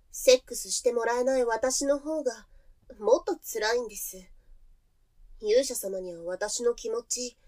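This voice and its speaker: A devoted, possessive woman who has waited centuries for her hero, played by a woman in an adult audio drama. She speaks very slowly in a fairly high voice. Her manner stays sweetly polite, with a quiet menace beneath it. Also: lightly acted.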